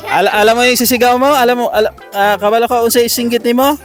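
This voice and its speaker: A man hosting games for schoolchildren outdoors, coaxing and counting down with animated energy. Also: very high-pitched, fast, over music. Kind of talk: lively outdoor game hosting.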